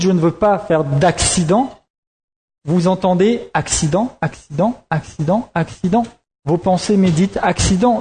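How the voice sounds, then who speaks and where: A man's voice: high-pitched, a little mellow. A man preaching a sermon in a conversational way, repeating key words for emphasis, with frequent restarts.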